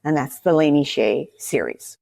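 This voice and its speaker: Mellow, low-voiced woman author. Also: normal speed, creaky, dry recording. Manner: rambling, explains at length, spells names out. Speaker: author guest. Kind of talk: casual interview chat.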